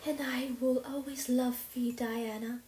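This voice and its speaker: A woman voicing a dramatic, romantic young orphan girl who speaks in high-flown, theatrical phrases. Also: fairly even intonation, moderate pace, mellow, a little hiss or hum, close to an everyday voice. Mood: solemn. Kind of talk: storybook reading. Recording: roomy echo.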